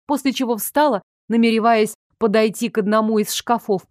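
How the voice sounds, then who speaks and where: A woman reading a first-person audiobook in a lively, ironic, expressive way. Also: a little high, a little fast, no echo, studio quality. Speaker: audiobook narrator.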